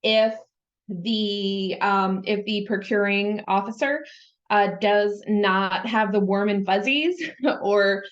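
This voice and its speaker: A woman's voice: mid-range voice, slow, muffled recording. A woman giving a webinar presentation, explaining slide by slide in a conversational way with many fillers. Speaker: presenter on government contract auditing.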